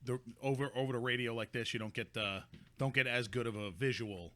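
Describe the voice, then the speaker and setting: Bright-voiced, swearing radio host. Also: male voice, mid-range voice, brisk. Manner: swearing, enthusiastic interviewer. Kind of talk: casual radio interview.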